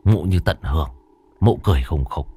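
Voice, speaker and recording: A man reading a horror story aloud in a dramatic, expressive way. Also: rumbling low, normal speed, breathy edge. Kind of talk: scripted horror story narration.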